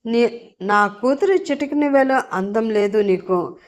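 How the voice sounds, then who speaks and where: A scheming wealthy villainess, put on by a woman reading an audio story. She taunts in a scornful, mocking tone at a middling pitch. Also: unhurried, dull audio, lightly acted.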